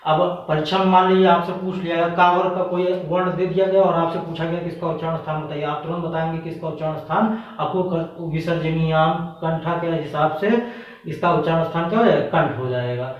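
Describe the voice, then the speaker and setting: A man's voice: fairly high pitch, fairly even intonation, a little fast. Man teaching in an echoey room. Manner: patient, repeats questions and answers them himself. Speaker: Hindi grammar teacher. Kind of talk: exam-prep lesson. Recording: echoey room, voice from a distance, dull sound.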